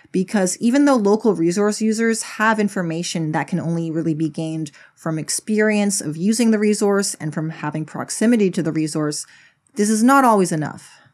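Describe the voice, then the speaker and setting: Woman video essayist, lowish voice, blunt sweary delivery with sarcastic asides. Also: a little mellow. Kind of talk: casual spoken video essay.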